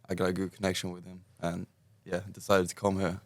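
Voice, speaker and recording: A twenty-year-old Swedish man speaking English with a Swedish accent, answering interview questions in a relaxed, hesitant way. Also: low voice, fairly quick, dry recording, clean studio sound. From Sweden. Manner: relaxed, hesitant phrasing with many fillers. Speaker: guest soccer player.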